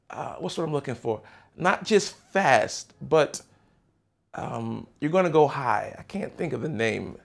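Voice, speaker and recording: A man's voice: fairly high pitch, vocal fry. A man preaching a sermon as pastor, fervent, exclaiming and calling on the congregation to respond. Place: church sanctuary.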